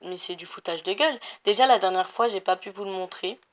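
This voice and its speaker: This is casual gameplay commentary from a young woman of Portuguese family background who works as a gaming YouTuber. Speaking a little fast at medium pitch, she rambles while playing, full of fillers and self-corrections.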